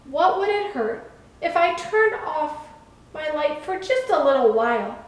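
A woman's voice: high-pitched, big pitch swings, measured pace, pitched above the performer's own voice. A woman voicing an eager, earnest young male lighthouse in a storybook. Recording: echoey room from far off.

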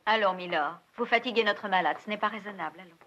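An actress playing a brisk, firm young nurse. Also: female voice, mid-range voice, sharp tone, natural voice. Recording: dull old film soundtrack with noise.

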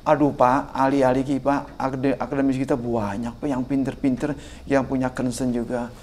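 Older man, emphatic, animated, guest expert, podcast interview. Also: mid-range voice, normal speed, a little hiss or hum. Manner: emphatic, animated, sprinkles "Pak" often. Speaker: guest political communication expert.

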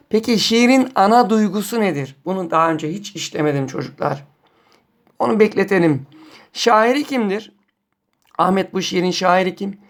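A man teaching a primary school lesson on poetry, reading poems slowly and quizzing pupils by name. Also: fairly high pitch, gravelly. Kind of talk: classroom lesson.

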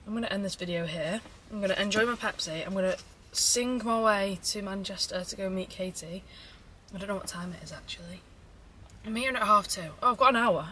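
Young girl rambling on while she eats, mid pitch, bit of hiss behind her. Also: sharp tone. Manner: rambling, fast-talking, eating while talking. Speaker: vlogger. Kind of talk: chatty mukbang vlog.

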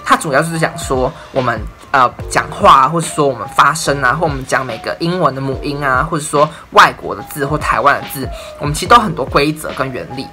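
A man's voice: mid-range voice, sharp tone. A man in his twenties with a Taiwanese Mandarin accent, chatting to camera as a student vlogger in a casual, talkative way. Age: 20s. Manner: chatty, leans on "I'm telling you" and "and then". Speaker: university English major vlogger. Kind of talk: casual explainer talk to camera.

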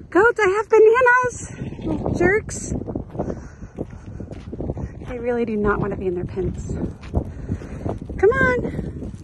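Outdoors on her phone, a woman from Arizona films her farm animals, narrating casually and talking playfully to them like a vlogger. Her voice is extremely high and swoops wildly in pitch, and she takes it slowly with long pauses over background noise.

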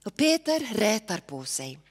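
A woman reading literary prose aloud in a measured, expressive way. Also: medium pitch. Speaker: reader.

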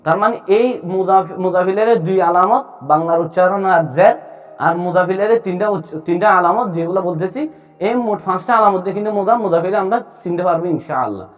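A man's voice: high-pitched, fast. A man teaching Arabic grammar in a video lesson, explaining step by step and asking himself questions as he goes.

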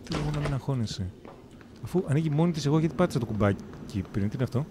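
A man's voice: fairly high pitch, lively intonation, heavy background noise. A man streaming a game live, joking and talking to himself and the game as he plays. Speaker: gameplay streamer. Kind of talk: live gameplay commentary. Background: game music.

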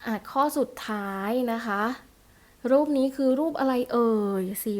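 Woman teacher, slightly high voice; patient, questioning delivery for a recorded class lesson. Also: measured pace, a little mellow. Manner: patient, questioning, adds polite particles. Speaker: primary school teacher.

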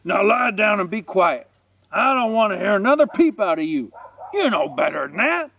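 A man's voice: sits high, very animated, moderate pace, a bit bright, far from the mic, slight background noise, heavily acted. A man voicing a stern grown dog owner who scolds his dog. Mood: scolding.

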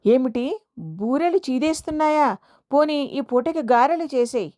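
Woman voicing a playful young husband, mock-innocent teasing, higher voice, dry sound, audio story. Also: lively intonation, mellow, dry recording. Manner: mock-innocent, deliberately mishearing.

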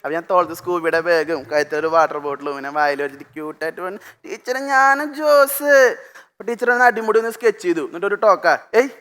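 Performing stand-up on a TV studio stage, this young man from Thrissur, Kerala, talks quickly in a slightly high, clear, resonant voice. He tells stories rapidly and animatedly, mimicking voices, while the stage mic picks up music and a live audience.

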